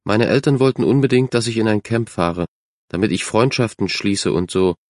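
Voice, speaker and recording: A man's voice: fairly low pitch, normal speed, dry recording, clean studio sound, natural voice. A man voicing a shy, timid young girl. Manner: timid, soft-spoken.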